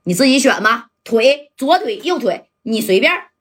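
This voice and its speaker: A woman voicing a tough male gang boss in a spoken crime story, making cold, measured threats. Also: fairly high pitch, big pitch swings, fairly bright tone. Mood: threatening.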